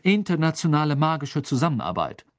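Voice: medium pitch, big pitch swings, fairly quick, pitched above the performer's own voice, natural voice. An audiobook reader voicing a pompous, officious young male wizard. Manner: pompous, self-important.

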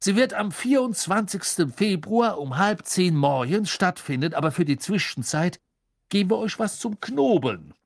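A man putting on a jolly high-voiced official. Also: big pitch swings, moderate pace, vocal fry, dry recording, clean studio sound, full character voice. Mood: jovial. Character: jovial, bouncy middle-aged male official.

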